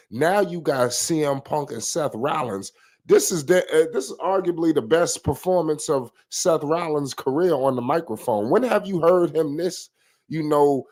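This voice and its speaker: A man's voice: fairly high pitch, darkish tone. A man giving casual, opinionated wrestling commentary in a rambling, conversational way, dropping in frequent "you know" asides.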